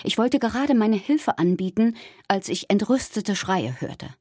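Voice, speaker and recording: A woman narrates a first-person audiobook in a husky, slightly breathy voice. Her reading sits at a middle pitch and moves along with lively storytelling energy. The sound is dry and close to the mic. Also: measured pace, dry recording.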